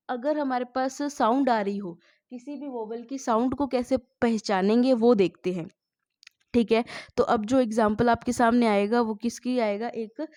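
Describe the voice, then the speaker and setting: A woman's voice: a little high, a little mellow. A woman teaching a spoken English lesson, asking the class questions and answering them herself.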